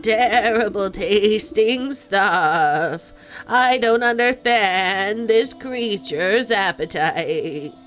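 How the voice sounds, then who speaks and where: A woman putting on a goat voice for a grand, sly spirit companion, reading game dialogue in a drawn-out theatrical way. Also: medium pitch, a bit bright, faint music behind. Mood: disgusted. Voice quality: put-on goat voice. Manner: slow, drawn-out, theatrical delivery. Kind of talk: video game dialogue read aloud.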